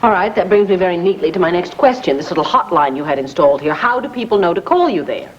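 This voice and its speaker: A quick, sharp-tongued partner on old VHS tape. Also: female voice, on the low side. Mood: questioning. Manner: quick, lively and pointed. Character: sharp, worried woman questioning and scolding her partner. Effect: old VHS tape transfer. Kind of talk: 1980s daytime soap acting. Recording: dull lo-fi VHS with faint hiss.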